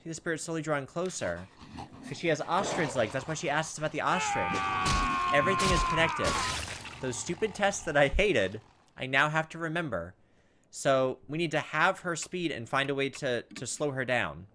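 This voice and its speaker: Talking to himself over game music, a man hosting a gaming video casually comments on his playthrough and reads on-screen text as he goes. His voice is on the high side and sing-song, at normal speed.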